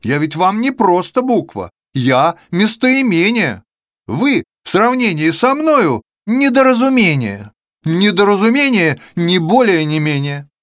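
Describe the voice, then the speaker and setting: A man's voice: high voice, very animated, measured pace, fairly bright tone, no echo, studio quality, voice pushed up, full character voice. A man voicing a proud, boastful female alphabet letter in a children's verse tale, haughty and demanding. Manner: haughty, then tearful and pleading.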